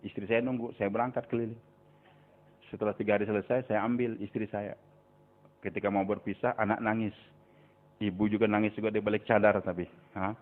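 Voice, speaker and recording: An older male preacher telling stories in a sermon, often turning to his listeners with a questioning "hmm?". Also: on the low side. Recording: tinny phone-like recording.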